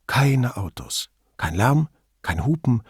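A man voicing a lively Neapolitan policewoman. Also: mid-range voice, slow pace, slightly rough, no echo, clean studio sound, exaggerated voice. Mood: enthusiastic. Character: lively Neapolitan woman police officer, curious. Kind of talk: audiobook dialogue.

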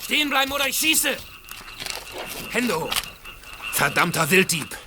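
An actor playing a gruff gamekeeper who shouts commands at a poacher in the night. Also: male voice, very high voice, very animated, unhurried, background noise, full character voice. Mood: furious.

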